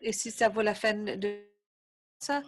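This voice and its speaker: A woman's voice: mid-range voice, measured pace, soft background music. A woman giving live interpretation of a lecture webinar, speaking steadily with hesitations and self-corrections.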